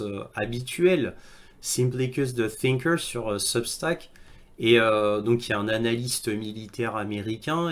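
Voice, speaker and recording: A man commenting on video clips and reading articles aloud, with halting delivery and frequent hesitations. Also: mid-range voice. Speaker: online news commentator.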